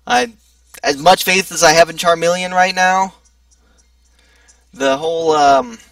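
A man's voice: high voice, very animated, a little slow, gravelly, fairly bright tone, no room sound, distant mic. A young man giving sarcastic, joking commentary while playing a video game. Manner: joking, sarcastic, chatty asides. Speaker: let's play gamer. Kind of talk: casual gameplay commentary.

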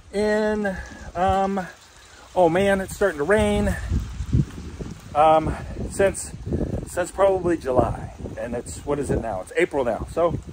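A man's voice: a little high, a little hiss or hum. Chatty American man touring his homestead. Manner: relaxed, chatty, explaining as he goes. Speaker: homestead vlogger. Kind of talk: casual walking tour vlog. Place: outdoors on a forested homestead. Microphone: phone held at arm's length.

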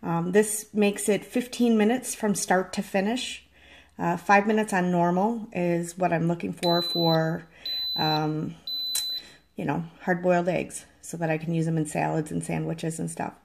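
Filming on a handheld phone in her home kitchen, a farm vlogger chats casually while demonstrating cooking, rambling and correcting herself. Her voice is on the low side, gravelly and a little mellow, with fairly even intonation and a slightly slow pace.

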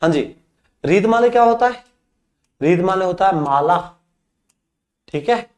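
Speaking Hindi in an animated, fairly high voice with a Rajasthani accent, a man leads an English exam practice lesson in a classroom studio with a whiteboard screen. He quizzes the class before giving the answers himself, slowly drawing out English words as he writes on the board.

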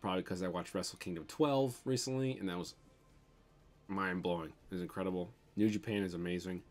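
A young adult man from the American Midwest hosts a toy unboxing livestream from his bedroom. His voice is low-pitched and a little fast, and he chats loosely with a Midwestern accent, answering viewer comments with plenty of ums and casual swearing.

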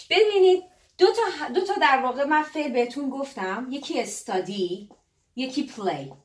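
Lively woman teaching English, echoey room. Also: a little high, recorded from a distance. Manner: lively, drawn-out English words. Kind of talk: explaining grammar at a whiteboard.

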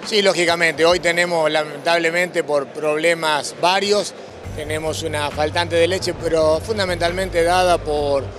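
A man in his sixties with an Argentine accent, giving earnest, explanatory answers in an interview into a handheld microphone. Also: high-pitched. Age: 60s. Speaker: interviewee, agricultural cooperative representative. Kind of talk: on-camera interview. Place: indoor exhibition hall at a farm show. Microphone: handheld microphone held by the interviewer. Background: music.

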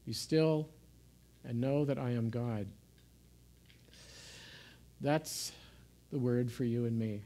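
A man giving an informal sermon in a gentle, conversational way, sometimes dropping to soft, hushed asides. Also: medium pitch, slow pace, pauses often. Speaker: pastor. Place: church.

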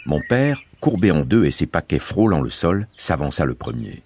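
A man reading a novel aloud as a radio serial, in measured, expressive storytelling. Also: very deep voice, slight background noise. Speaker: reader.

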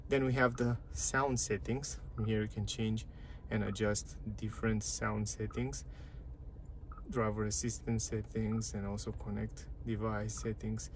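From a parked car, a man gives a casual, chatty walkthrough of the dashboard and touchscreen menus, repeating phrases in non-native grammar as a car reviewer. His voice is fairly low, level in tone, and measured in pace, with a little hiss or hum.

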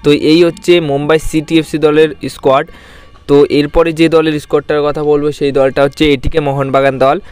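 Man, voice-over host, flat monotone, smooth clear voice, dry close mic. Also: on the high side, dry recording, faint music behind. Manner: halting over names, with restarts and filler pauses. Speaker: YouTube sports channel host. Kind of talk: voice-over reading squad lists.

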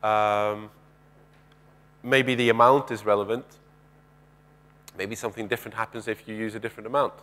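With a lowish, fairly bright voice and fairly even intonation, this man in his thirties speaks at a normal speed but pauses often. He's giving a keynote on a large conference stage through a headset mic, pacing with gestures, talking conversationally, asking the audience things and restarting sentences a lot.

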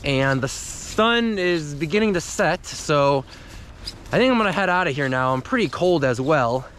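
Fishing from a snow-covered riverbank in winter, a young vlogger chats to his close-range handheld or body-worn camera, reflecting aloud on each catch. He has a fairly high, animated, somewhat bright voice at a moderate pace, with a little hiss or hum in the recording.

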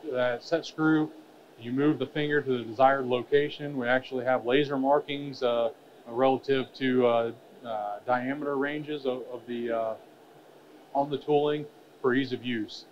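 A man in his thirties presents on a curtained expo stage into a headset mic. He talks at a middling pitch, halting often with fillers and restarts. The sound is a little dull, with a faint murmur of the hall behind him. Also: slight background noise. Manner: hesitant, many fillers and restarts. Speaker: trade show presenter. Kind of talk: conference presentation.

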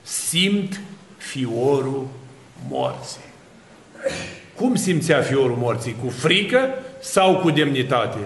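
A man, an Orthodox priest, preaching a sermon with lively rhetorical questions and long spoken lists. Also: mid-range voice, reverberant, slight background noise.

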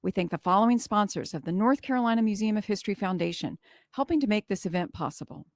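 A woman hosts a museum event, reading a scripted welcome in a clear, steady voice. The recording is dry and close, with no room sound. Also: mid-range voice, fast, dry recording.

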